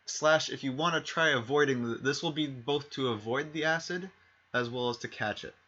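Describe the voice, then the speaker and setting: Bright-voiced man running a tabletop game. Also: medium pitch, normal speed. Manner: rambling, self-correcting, fillers and restarts. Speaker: game master. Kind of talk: narrating a tabletop game over stream. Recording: dull lo-fi stream mic.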